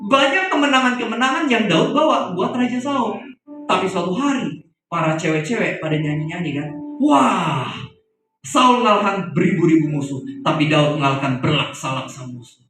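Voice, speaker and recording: Preaching to young people in a church hall, this man uses storytelling and keeps asking the congregation questions in a lively way. His voice is very high, picked up from a distance amid heavy echo and music.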